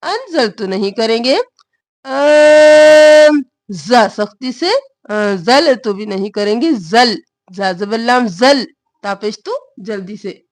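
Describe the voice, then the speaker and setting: A woman teaching Quran recitation, drawing out verses slowly and then explaining pronunciation rules in quick asides. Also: on the high side, dry recording. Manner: slow drawn-out recitation alternating with quick explanations. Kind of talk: tajweed recitation lesson.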